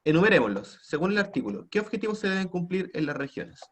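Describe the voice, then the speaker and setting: A man's voice: sits high, sing-song, fast talker. A man teaching an online class with a Chilean Spanish accent, prompting students with frequent tag questions. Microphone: computer mic on a video call.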